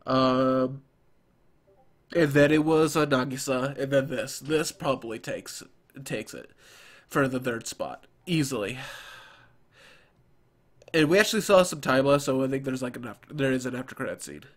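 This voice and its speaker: A young man giving casual, halting reaction commentary, sounding nasal and stuffed up from crying, close to a desk mic. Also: mid-range voice. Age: young adult. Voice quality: nasal, congested. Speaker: anime reaction video host. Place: small furnished room at home. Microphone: close desk microphone, headphones on.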